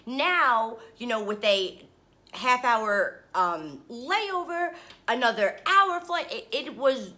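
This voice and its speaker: A tired young woman vlogging, casually telling a dramatic travel story with laughs and swings in pitch. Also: expressive, slow, bright, forceful tone. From New York area. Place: hotel room.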